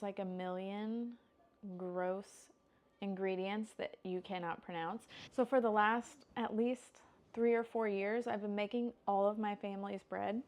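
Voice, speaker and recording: A woman in her thirties from the United States, chatting casually to camera in a home vlog. She is upbeat, laughs often and restarts her sentences. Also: medium pitch. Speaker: homestead vlogger.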